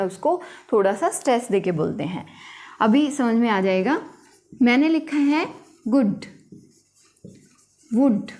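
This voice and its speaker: Brief: woman teacher, fairly high voice, slow and patient, explains step by step while writing. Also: dark tone. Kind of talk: phonetics lesson at a board.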